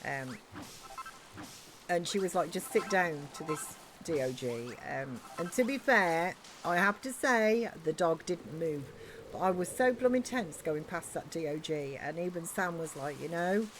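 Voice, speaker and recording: A woman's voice: on the low side, expressive, measured pace, slight background noise. A woman streamer chatting casually and rambling through stories while playing a game. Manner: chatty, rambling storyteller with regional slang.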